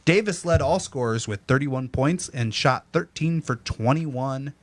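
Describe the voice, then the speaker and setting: A man's voice: mid-range voice, measured pace, dry recording. Young man reading sports headlines. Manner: reads news items then riffs, teasing. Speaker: podcast host reading headlines. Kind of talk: casual sports podcast banter.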